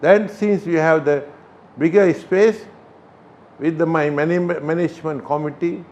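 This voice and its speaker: An older man from Sri Lanka, a Buddhist chief priest, answering interview questions in a halting way with many pauses. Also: a little high, steady tone, darkish tone. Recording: slightly dull recording.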